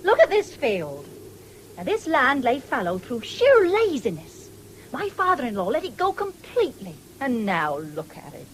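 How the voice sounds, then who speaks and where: A high, heavily acted voice swoops wildly in pitch as the actress, unhurried, portrays a bitter, impassioned English farm wife and mother who is proud, firm, and plain-spoken. It's 1970s British radio drama, preserved on a noisy old broadcast recording.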